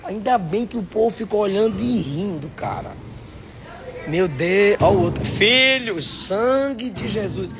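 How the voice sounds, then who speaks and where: A Brazilian pastor vlogging a trip in a busy airport, chatty and exasperated, often laughing. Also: male voice, high-pitched, animated, measured pace, a crowd in the background. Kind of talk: casual travel vlog to camera.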